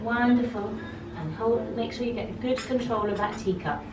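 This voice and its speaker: Female etiquette instructor, prim and gently encouraging, recorded at a distance with loud music and clinking china. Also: on the high side, moderate pace. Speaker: etiquette teacher. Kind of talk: instructional talk to a young group. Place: echoey indoor tea room with clinking china. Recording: echoey room, distant mic, loud music, clinking dishes.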